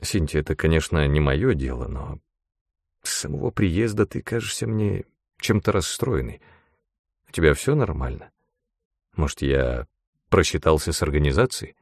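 A man voicing a tall, slim male colleague who speaks softly and hesitantly. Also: sits low, very animated, unhurried, hardly any pauses, no room sound, studio quality, heavily acted. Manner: hesitant, soft, careful.

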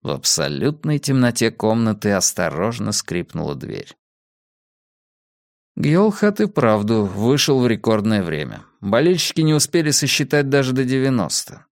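A man reading an adventure novel aloud as a steady audiobook narrator. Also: medium pitch, moderate pace, no room sound, clean studio sound. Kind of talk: scripted narration.

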